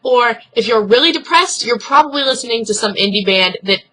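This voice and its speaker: A woman's voice: fairly high pitch, animated, fairly quick, fairly bright tone, poor audio. A young woman vlogging casual advice, blunt and earnest, swearing freely as she talks straight to the viewer.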